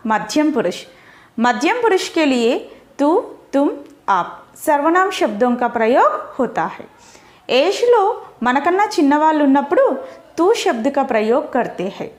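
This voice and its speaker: A woman teaching a grammar lesson, explaining slowly and repeating each term in several languages. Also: sits high, animated.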